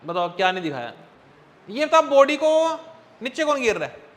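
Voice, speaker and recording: A man teaching a physics class, quizzing his students constantly in a coaxing, brisk way. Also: high-pitched, very animated, a bit bright. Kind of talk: classroom lecture.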